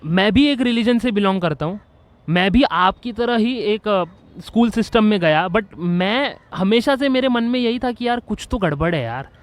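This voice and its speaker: A man hosting a video, explaining his ideas in an earnest, excitable way with lots of restarts and English phrases mixed in. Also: high voice, moderate pace, no echo. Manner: excitable, with frequent restarts and fillers. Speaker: video host. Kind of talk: casual explainer monologue.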